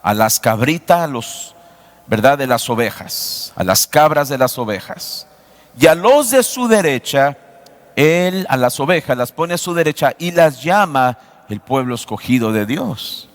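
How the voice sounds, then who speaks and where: A man preaching a sermon as pastor, asking the congregation rhetorical questions and shifting his pace from quick to slow. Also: on the high side, in a large hall. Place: church sanctuary.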